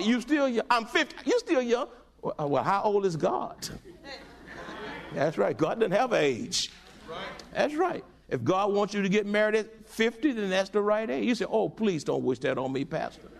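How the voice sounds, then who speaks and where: A middle-aged male pastor preaching a sermon with animated call-and-response to his congregation. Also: high voice, creaky.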